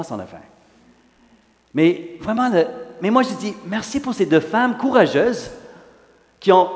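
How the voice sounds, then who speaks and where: A man in his sixties from Western Canada, a pastor whose first language is English, giving an animated sermon testimony full of "là" fillers. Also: fairly high pitch. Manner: animated, rising in emphasis, frequent "là" fillers. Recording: long hall reverb.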